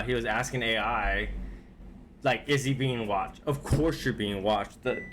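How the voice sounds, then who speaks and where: A man talks his way through a string of video clips at home, loose and unhurried, circling back with plenty of filler words. His voice sits at an ordinary middle pitch, and a faint hiss runs under the recording. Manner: rambling, laid-back, heavy with fillers. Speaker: reaction video host. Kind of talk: casual reaction commentary.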